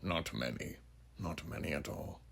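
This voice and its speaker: A man playing a huge, ageless, sinister judge who muses grandly and theatrically in a horror monologue, with a gravelly, breathy voice and rhetorical questions to the listener. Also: rumbling low, measured pace, fairly bright tone, full character voice. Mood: ominous philosophizing. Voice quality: gravelly, husky, breathy at phrase ends. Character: huge ageless sinister philosophizing judge, menacing male drifter.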